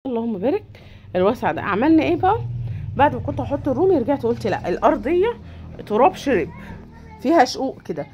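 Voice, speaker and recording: Chatty Egyptian woman on a lively tour. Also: sits high, quick pace, muffled recording, soft background music. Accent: Egyptian Arabic. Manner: chatty, addresses viewers directly while touring. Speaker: vlogger giving a tour. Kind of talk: casual walk-through vlog. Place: outdoors and indoors at a poultry yard and shop.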